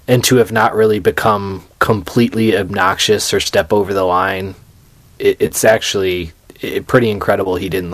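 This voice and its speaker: Low-voiced man, dry close sound. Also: no echo. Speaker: podcast co-host. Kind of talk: casual chat. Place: home, remote podcast recording.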